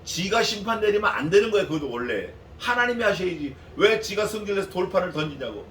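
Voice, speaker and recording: 울림 큰 예배당의 남자 목사 설교. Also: male voice, high-pitched, expressive, fast talker, a bit bright. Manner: conversational, asks the congregation rhetorical questions. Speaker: pastor. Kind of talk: expository sermon. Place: church sanctuary. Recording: echoey hall from a distance, faint noise.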